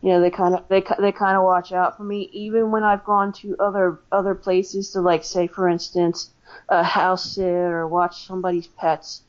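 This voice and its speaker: A woman's voice: lowish voice, level tone, moderate pace. Chatty American woman, lo-fi audio. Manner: chatty, many fillers and restarts. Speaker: paranormal investigator guest. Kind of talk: casual interview storytelling.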